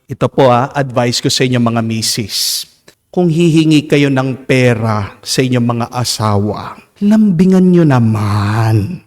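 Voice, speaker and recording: A Filipino man, a priest with a Filipino accent, delivers a homily in a large church whose long reverb trails after each phrase. His voice sits fairly high and leaps widely in pitch, dropping to soft, low asides before rising to emphatic peaks. He speaks slowly and deliberately, often turning to the congregation with "Amen?". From Philippines. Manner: mixes English and Tagalog, asks the congregation "Amen?". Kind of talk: homily at Mass.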